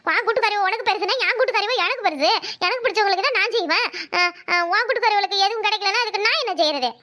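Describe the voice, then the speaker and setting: A woman voicing a scheming, sharp-tongued young sister-in-law in a Tamil cartoon, speaking with a Kanyakumari Tamil accent. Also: very fast. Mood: indignant. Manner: shrill, quarrelsome, fake-tearful.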